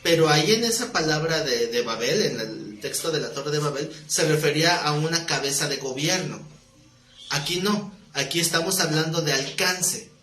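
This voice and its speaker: A man's voice: a little high, moderate pace, pushed and bright. A man preaching a teaching sermon in a conversational way, asking his listeners questions. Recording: echoey room, faint noise.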